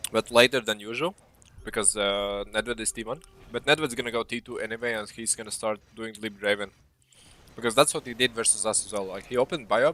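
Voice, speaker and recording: A man's voice: lowish voice, bright, forceful tone. A man casting a live esports match, working through the strategy aloud with frequent uhs. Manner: analytical, thinks aloud with many uhs. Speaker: esports caster. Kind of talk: live game commentary.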